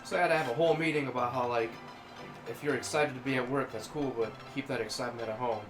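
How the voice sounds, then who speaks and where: A man's voice: medium pitch, steady tone, quick pace, reverberant, music in the background, rough recording. A man co-hosting a podcast, casually telling rambling, crude workplace stories. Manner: rambling crude anecdotes, acts out quoted voices. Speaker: podcast co-host. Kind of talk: casual storytelling chat.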